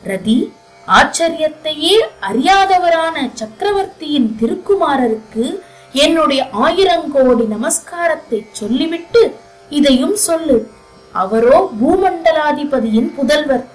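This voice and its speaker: A woman narrator with a high-pitched voice, heard in poor audio, voices an angry, hurt young dancer who speaks bitterly through her pet deer, with faint music behind.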